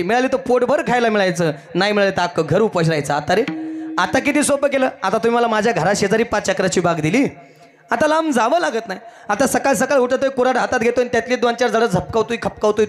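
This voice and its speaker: A man plays a humble, earnest woodcutter from a folk tale. He speaks plainly and respectfully to his betters. The voice is high. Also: fast talker. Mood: grateful. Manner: deferential, plain village speech.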